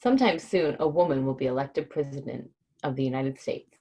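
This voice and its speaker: A woman with an extremely low, warm voice with a breathy edge talks fairly quickly. She's hosting a casual livestream where she reads a children's book aloud, chatting informally and explaining hard words in simple terms for young listeners.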